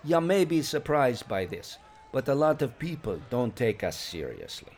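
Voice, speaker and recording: An actor playing an earnest, laid-back fringe free thinker in a comic radio interview. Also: male voice, mid-range voice, big pitch swings, normal speed, a little mellow. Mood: earnest, easygoing.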